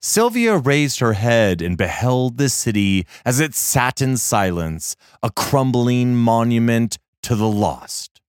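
A man narrating a fantasy story as an audiobook reader, in a measured, dramatic storytelling manner. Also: mid-range voice, sing-song, clean tone, no room sound, clean studio sound. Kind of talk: scripted narration.

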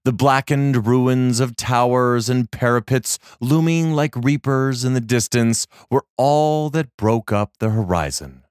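A man narrating a fantasy story as an audiobook reader, in a measured, dramatic storytelling manner. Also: mid-range voice, a little mellow, clean tone, no room sound, studio quality. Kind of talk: scripted narration.

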